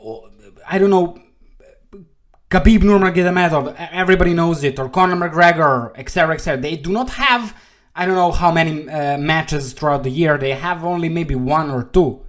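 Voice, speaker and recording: A man's voice: a little high, moderate pace, fairly bright tone. A man from Serbia, a trading coach giving a blunt, swear-laced video lesson that keeps checking in with "okay?". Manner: blunt, emphatic, swears freely, repeats "okay?".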